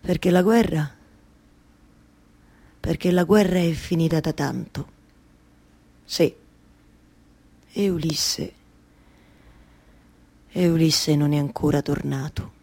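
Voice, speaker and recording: Slow, incantatory Penelope, Roman accent. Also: female voice, low-pitched, dark tone, full character voice. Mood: wistful, resolute. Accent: central Italian, Roman. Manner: incantatory, repeats words and phrases, halting. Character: Penelope, lovelorn waiting wife of Ulysses, wistful, obsessive storyteller. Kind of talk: theatrical dramatic monologue with live music.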